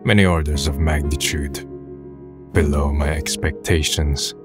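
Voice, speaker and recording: A young adult man narrates a little slowly in a very deep voice with fairly even intonation, backed by music. Playing a gloomy, self-deprecating twenty-year-old who is both narrator and protagonist, he reads scripted first-person narration, subdued and resigned.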